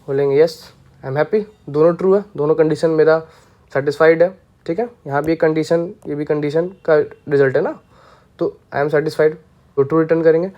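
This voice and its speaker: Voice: medium pitch, steady tone, moderate pace, lo-fi sound. A programming teacher giving a casual screencast lesson, playful and often checking that listeners follow along.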